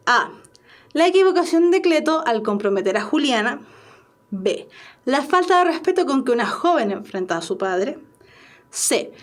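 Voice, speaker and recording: Casting: Chilean woman teacher, high voice, chatty explainer. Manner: chatty, explaining with tag questions. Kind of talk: online exam-prep lesson.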